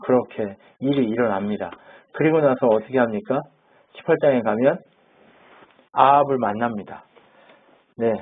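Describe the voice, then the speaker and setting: A man's voice: a little high, breathy edge. A man preaching a sermon as pastor, chatting with his congregation, asking them questions and acting out the quotes he tells. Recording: phone-like narrow band.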